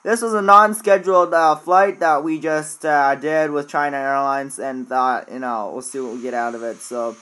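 A man's voice: fairly high pitch, level tone, normal speed, hardly any pauses, bright, forceful tone. A man chatting informally to his viewers as he gives casual commentary on a flight simulator game. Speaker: video host, flight simulator player.

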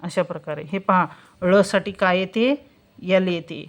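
Woman teaching, drawing out words slowly. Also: on the low side, steady tone. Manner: slow, drawn-out pronunciation of example words, asks questions and answers them herself. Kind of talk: spelling lesson, explaining step by step.

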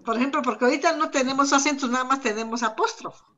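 A woman's voice: high voice, rapid-fire, pushed and bright. A woman from the Sierra Norte of Oaxaca, a Zapotec language teacher, explaining in conversation and thinking aloud with fillers and repeated words. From Sierra Norte of Oaxaca, Mexico. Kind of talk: conversational discussion.

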